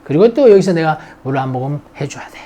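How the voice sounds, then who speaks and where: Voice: mid-range voice, expressive, quick pace, dark tone. An English grammar teacher, drilling vocabulary in a recorded lesson and chatting to the students between words.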